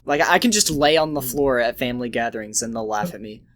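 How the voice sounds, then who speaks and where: A man's voice: mid-range voice, expressive, fast talker, a bit bright. A man hosting a podcast in casual chat, playfully posing silly hypothetical questions. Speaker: podcast host.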